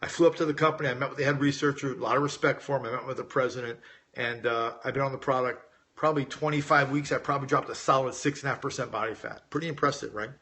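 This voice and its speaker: His mid-range voice is steady, bright and forceful, and he's a fast talker. A middle-aged American who grew up in Las Vegas, he hosts a weight-loss live Q&A, conversationally reading and answering viewer questions while addressing them directly.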